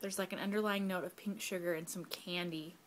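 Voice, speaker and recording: With a fairly low, evenly pitched voice, a young mother reviews a candle from home while her children are close by. She talks briskly and casually, rambling with fillers and sometimes slipping into a whisper; a faint hiss or hum is audible.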